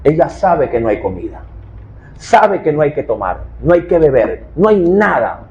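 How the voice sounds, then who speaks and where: A man's voice: on the high side, very animated, normal speed, vocal fry, darkish tone, dull audio. A male pastor, preaching a sermon in a dramatic, emphatic way and often addressing his listeners as his beloved.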